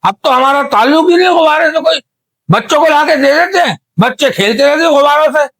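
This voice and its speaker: An actor playing a deaf man in a comedy interview, who mishears every question and rambles loudly and indignantly. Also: very high voice, quick pace. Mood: scolding. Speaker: guest character in comedy interview. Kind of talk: comedy sketch acting.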